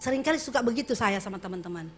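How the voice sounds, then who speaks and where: A woman's voice: on the high side, lively intonation, very fast, music in the background. A woman pastor preaching a sermon, speaking animatedly and addressing her congregation directly.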